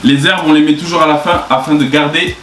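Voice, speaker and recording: A man's voice: a little high, steady tone, a little fast, background noise. A man in his twenties chatting casually and giving cooking instructions to camera as co-host of a home video. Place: small tiled home kitchen, indoors. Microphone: camera at about arm's length or further. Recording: echoey kitchen, music and frying behind.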